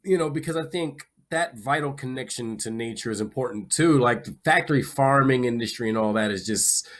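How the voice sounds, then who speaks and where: A man hosts a relaxed podcast conversation, with a mid-range voice. He talks casually and keeps checking in with his guest in a friendly, easygoing rhythm. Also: medium pitch, fairly quick. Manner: casual, affirming, repeats "you know what I'm saying". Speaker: podcast host. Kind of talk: podcast interview.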